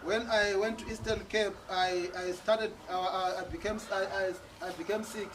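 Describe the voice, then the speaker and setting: A man with a notably high voice interprets a testimony phrase by phrase, now and then stalling and repeating himself. He is recorded from a distance. Clear background noise runs under his voice. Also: steady tone, moderate pace. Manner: hesitant, repeats words. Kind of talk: church interpreting.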